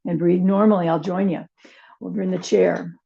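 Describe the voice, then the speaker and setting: A woman teaching a chair yoga and meditation class, giving gentle, unhurried cues with soft asides. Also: on the low side, fairly even intonation, creaky, husky, muffled recording. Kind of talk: guided yoga class instruction.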